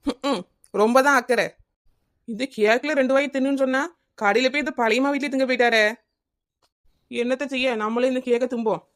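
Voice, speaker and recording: A woman plays a scatterbrained housewife in a comedy cartoon, chattering and wheedling in a Kanyakumari Tamil accent. Her voice is high. She talks fast and keeps circling back to the same name. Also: fairly even intonation, natural voice. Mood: grumbling.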